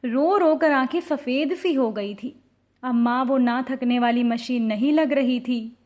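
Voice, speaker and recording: High-pitched woman reading an emotional story. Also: measured pace, a little mellow. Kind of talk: scripted story narration.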